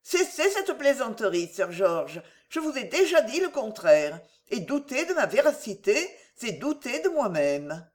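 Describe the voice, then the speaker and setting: A sincere young woman of quiet dignity speaks in a raised, lively voice, as a woman reader puts her on. Her answers come earnest and firm, never harsh, in an audiobook reading. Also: a little high, a little slow, hardly any pauses. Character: gentle, sincere young woman who loves calm.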